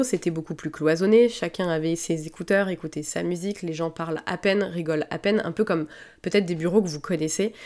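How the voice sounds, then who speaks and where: A woman's voice: lowish voice, darkish tone. A woman who works as a lingerie seamstress, casually telling stories from sewing workshops and talking straight to her listeners. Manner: addresses listeners directly and conversationally. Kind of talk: casual storytelling monologue.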